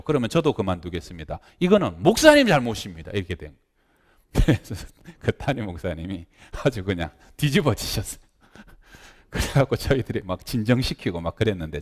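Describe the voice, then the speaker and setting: Male senior pastor, expressive storytelling preacher, church hall echo. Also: fairly low pitch. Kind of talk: sermon. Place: church sanctuary. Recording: long hall reverb.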